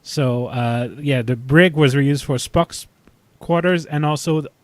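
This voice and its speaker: A man co-hosting a casual fan podcast, talking in a halting way with many fillers and restarts. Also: a little high, dry recording. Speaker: podcast co-host. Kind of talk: casual chat.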